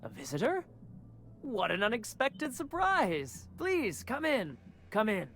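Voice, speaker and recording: An eerily welcoming host. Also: male voice, high-pitched, wildly swooping pitch, very noisy, exaggerated voice. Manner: slow, sing-song hospitality. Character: overly welcoming male homeowner, eerily hospitable. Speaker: game character, host of a house. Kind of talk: video game dialogue.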